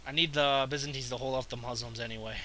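A man's voice: medium pitch, fairly even intonation, fast talker, pushed and bright, a little hiss or hum. Young man swearing at a strategy game. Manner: swearing, exasperated outbursts at the game. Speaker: gamer playing a strategy game. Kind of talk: casual gameplay commentary.

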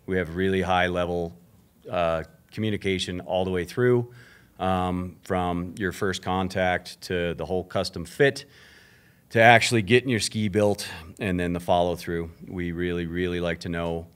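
A man with a very low, smooth and resonant voice, speaking as a guest on a live stage panel. He sounds steady and businesslike as he describes his company. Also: moderate pace. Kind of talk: panel talk. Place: stage before a live audience.

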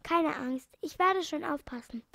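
A woman reading a storybook aloud, voicing a kindly male animal doctor with a gentle, earnest manner. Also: high-pitched, measured pace, creaky, no room sound, full character voice.

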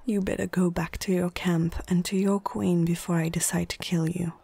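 In a whispered ASMR fantasy roleplay, a woman plays a stern, proud female orc chieftain, speaking in short, measured phrases with a husky, breathy voice. Her pitch is fairly low and barely moves, her tone is dark, and the mood is grim and threatening, with no room sound.

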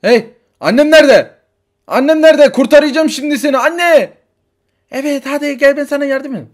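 A man doing frantic little boy Arda. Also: normal speed. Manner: shrill, frantic calling. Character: frantic young boy Arda searching for mom. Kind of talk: toy figure story role-play.

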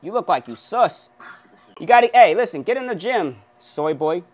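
His voice sits high and animated, moving at a moderate pace. The young man is indoors in a small pink-walled bedroom, boastfully trolling strangers on a random video chat with mock-tough teasing and gym-bro bravado.

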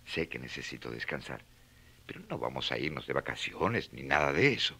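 An actor playing an ailing, humble and fervent friar with a gravelly voice in a radio serial. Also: male voice, very deep voice, sing-song, brisk, pushed and bright, exaggerated voice. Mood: insistent.

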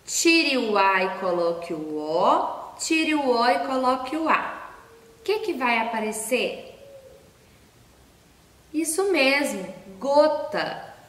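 Woman teacher, slow patient spelling, questions she answers herself, fairly high voice, far from the mic in a reverberant room. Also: very animated, fairly bright tone. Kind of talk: recorded online class for young children. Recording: echoey room, distant from mic.

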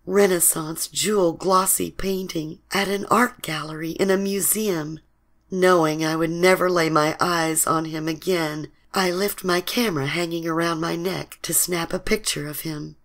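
Slow, low-voiced woman reading romance. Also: steady tone, fairly bright tone. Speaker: audiobook narrator. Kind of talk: first-person romance audiobook narration.

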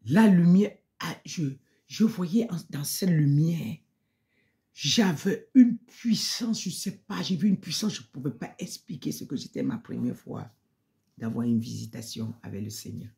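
A woman's voice: deep voice, expressive, measured pace, gravelly, mellow. A woman giving an emotional spoken testimony in church, repeating phrases and sometimes dropping to a near-whisper.

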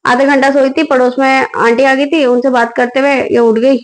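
A young mother with a high, light voice vlogs at home late at night. She is hungry and worn out and talks to the camera in a weary, frustrated way, recorded on a phone on a tripod. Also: level tone, normal speed, rough recording. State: hungry and tired. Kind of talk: casual home vlog. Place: home bedroom and kitchen at night.

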